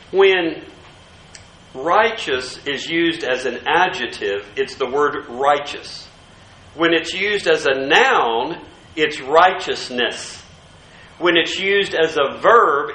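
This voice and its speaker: A man preaching a sermon in an earnest, emphatic way, slowing down to stress key words. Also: fairly high pitch, bright, forceful tone, echoey room, low-quality recording.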